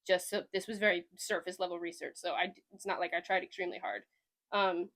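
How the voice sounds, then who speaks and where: This young woman's voice sits on the low side, fast, flat, and fairly bright in tone. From Sweden but with a slight Southern US twang, she hosts a podcast in a chatty, rambling way, hedging frequently throughout the casual chat.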